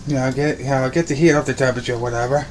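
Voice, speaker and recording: Racing through his words in a medium-pitched, steady-toned voice, a young man rambles cheerfully while cooking at home, repeating himself for a casual vlog. He films on a phone at arm's length in a small kitchen and bedroom, with a little hiss or hum.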